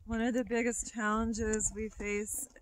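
A woman's voice: a little high, level tone, unhurried, low-quality recording. A middle-aged woman who runs a farm, talking plainly to the camera from a snowy field, with many ums. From upstate New York. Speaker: farm owner. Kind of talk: casual talk to camera. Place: open snowy field outdoors in winter wind. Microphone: camera at a few meters. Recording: loud wind noise outdoors.

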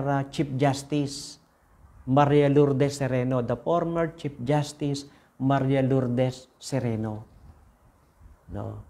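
Gravelly Filipino preacher man. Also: medium pitch, darkish tone. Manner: mixes English and Tagalog, rhetorical questions, repeats phrases. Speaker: pastor. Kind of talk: sermon.

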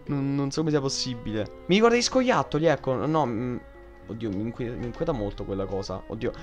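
Excitable young Roman gamer. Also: male voice, mid-range voice, a little fast, faint music behind. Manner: excitable, shrieks in panic, swears and laughs a lot. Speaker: gaming youtuber. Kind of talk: let's play commentary.

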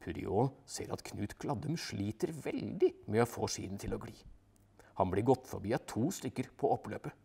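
A man narrating a children's audiobook in a lively, expressive way. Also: fairly low pitch, vocal fry, breathy edge.

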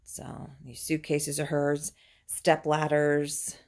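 In a crowded antique shop, a woman with a low, monotone voice and a slow pace films a chatty phone tour, admiring the items as she walks through. Her casual narration drifts softer and louder as she pans around.

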